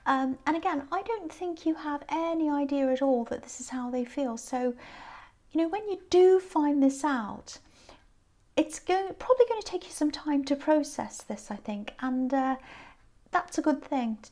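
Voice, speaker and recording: A tired woman with a croaky voice, giving a casual tarot card reading in a gentle, reflective way. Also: high voice. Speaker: tarot reader.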